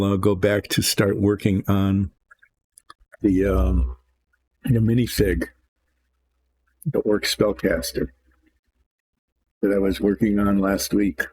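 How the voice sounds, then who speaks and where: An older man hosting a relaxed painting show, rambling and thinking aloud from his workshop as he works. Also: fairly low pitch, a little hiss or hum. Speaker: hobby painting host. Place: home workshop.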